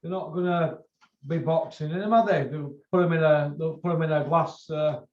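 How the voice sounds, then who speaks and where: On the high side but with a darkish, steady tone, a Northern English man hosts a boxing video channel at a moderate pace. His casual chat rambles and loops back on itself, colloquial, sweary and repetitive, captured in a roomy, dull lo-fi recording.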